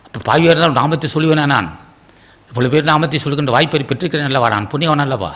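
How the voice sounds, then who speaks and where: A middle-aged man from Tamil Nadu giving a devotional sermon as a spiritual teacher, pleading in repeated prayer-like phrases and often clearing his throat. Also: a little high, racing, a bit bright. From Tamil Nadu, India.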